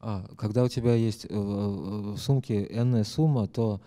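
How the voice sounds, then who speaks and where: A man's voice: lowish voice, steady tone, normal speed, mellow. A man interpreting a lecture live, hesitant, with many fillers and self-corrections.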